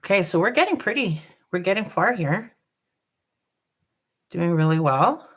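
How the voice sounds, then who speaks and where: A woman hosting a live dot painting tutorial, chatty and relaxed, joking about her own nerves. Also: lowish voice, a little slow, breathy edge. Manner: chatty, relaxed, self-deprecating. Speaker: craft tutorial host.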